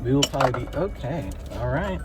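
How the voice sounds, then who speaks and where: A man's voice: medium pitch, animated, fairly quick, over music. A man hosting a casual unboxing vlog, chatting in a playful, sassy and slangy way. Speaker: video host.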